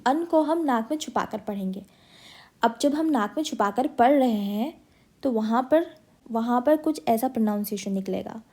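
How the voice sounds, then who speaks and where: A woman with an Indian accent teaches Quran recitation in a slow drilling lesson, patiently sounding out each syllable for her students to repeat. Her voice is a little high, expressive and mellow, at a normal pace.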